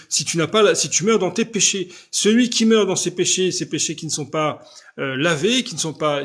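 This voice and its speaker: Loud, insistent French-speaking preacher. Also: male voice, fairly high pitch. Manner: loud, insistent speech with frequent rhetorical checks. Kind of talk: live-stream preaching, answering viewers' questions.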